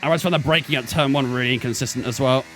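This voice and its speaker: Mid-range in pitch and racing along, this twenty-something streamer's fairly bright voice carries a slight hiss or hum. He casually narrates his racing game and chats with viewers during the live stream.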